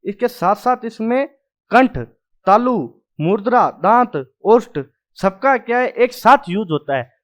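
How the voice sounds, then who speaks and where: A man's voice: extremely high pitch, animated, measured pace. A male grammar teacher lecturing a class at a whiteboard, who sounds out the letters aloud and keeps checking in his students. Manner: drills sounds aloud, repeats "ठीक है" often.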